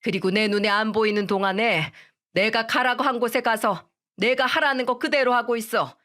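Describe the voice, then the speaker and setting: A woman voicing a strict middle-aged mother-in-law who scolds and gives orders in a firm, fairly high voice. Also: normal speed, fairly bright tone, lightly acted. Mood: stern. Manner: stern, scolding.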